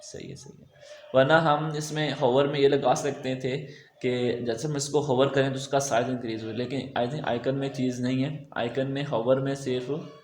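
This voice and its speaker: A man giving a relaxed, thinking-aloud screen-recorded software tutorial, full of okays and fillers. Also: mid-range voice, normal speed, roomy sound, slight background noise. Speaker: web design tutor.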